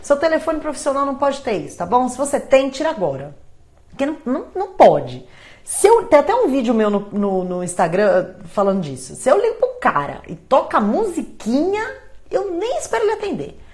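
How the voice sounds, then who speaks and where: A woman with a Brazilian Portuguese accent runs a casual live Q&A, blunt and animated, acting out phone calls while answering viewer questions. Her voice is high-pitched and brisk.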